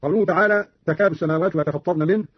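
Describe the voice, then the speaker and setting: A man with a fairly high, husky voice delivers a formal, scripted explanation for radio, stopping now and then to intone short passages. The recording is dry and dull, with the lo-fi sound of an old broadcast archive. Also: rapid-fire, no echo. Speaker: radio presenter explaining recitation variants. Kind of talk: scripted instructional radio narration.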